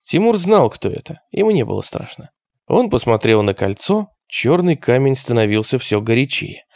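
Recorded with clean studio sound and no room sound, a man with a medium-pitched voice reads an audiobook at normal speed in an expressive, storytelling style.

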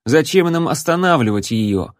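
A man acts out a composed, patient male ranger who reasons things through calmly and seems quietly amused. His delivery is lightly acted and pitched a little high, above his natural voice, with lively intonation at a moderate pace. The studio-quality recording carries no room sound.

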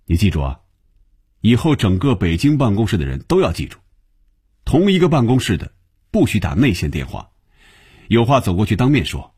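A man's voice: fairly low pitch, wildly swooping pitch, normal speed, long pauses, a little mellow, slightly rough, exaggerated voice. A man voicing an impatient male office manager who scolds and lectures in an audiobook. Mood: stern.

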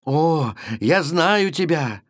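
A man's voice: on the high side, expressive, extremely slow, dry recording, clean studio sound. A man voicing a grieving young wife who pleads with passion in a storybook reading. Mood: pleading. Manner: impassioned, pleading.

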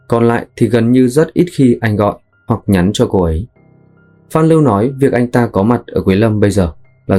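A man calmly narrating a true crime case in a steady, scripted storytelling manner, now and then speaking straight to his listeners. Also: on the low side. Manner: calm, steady storytelling, addresses listeners directly.

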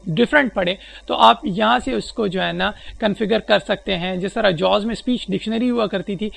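Tutorial presenter, male, gravelly and high-pitched, hesitant step-by-step delivery. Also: a bit bright. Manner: explains step by step with frequent hesitations. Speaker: presenter demonstrating a screen reader. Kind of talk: spoken software tutorial.

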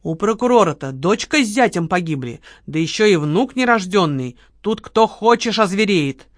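A woman voicing a quick-tempered, sarcastic young woman in an audiobook, scolding and bossing her partner. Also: mid-range voice, lively intonation, no echo, clean studio sound, close to an everyday voice. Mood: reasoning.

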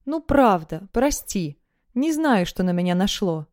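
A woman's voice: medium pitch, very animated, a little slow, a little mellow, dry recording, clean studio sound. A woman reading the lines of a sheepish, apologetic teenage boy in an audiobook.

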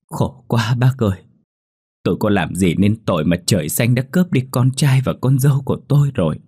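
A man's voice: medium pitch, lively intonation, fairly quick, dark tone, husky, no echo, clean studio sound, pitched above the performer's own voice. A man voicing a frantic, grieving old village grandmother who wails and pleads. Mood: grief-stricken. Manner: wailing, pleading, insistent.

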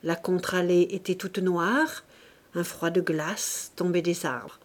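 Woman reading an old novel audiobook, slow and expressive, measured. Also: on the low side. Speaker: audiobook reader. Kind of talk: scripted narration.

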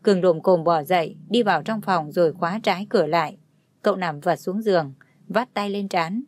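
A woman narrating a dramatic story in a steady, even way. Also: fairly low pitch, fairly quick, dry recording. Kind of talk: scripted narration.

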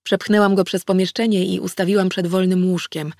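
A woman reading a first-person novel aloud as an audiobook narrator, in a measured, even manner. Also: on the low side, dry recording, clean studio sound.

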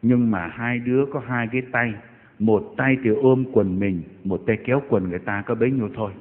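A man preaches in a mid-pitched voice, telling anecdotes and punctuating them with mocking exclamations. His words carry a long church reverb. The recording sounds narrow and tinny, like a phone line. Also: a little fast. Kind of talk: sermon. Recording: echoey hall over tinny broadcast line.

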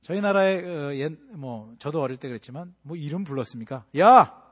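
Husky-voiced preacher in a reverberant hall. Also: male voice, fairly high pitch, expressive, fairly quick. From Busan, South Korea. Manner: dramatic, swinging from hushed to shouted quotes. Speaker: pastor. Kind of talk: sermon. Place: church sanctuary.

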